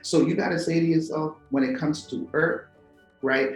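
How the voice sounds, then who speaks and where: A man from Trinidad and Tobago, speaking as a podcast host, delivers a philosophical monologue to viewers on a talk show, musing with rhetorical questions and repeated words. His voice sits on the high side at a moderate pace, with reverberation and soft music behind him.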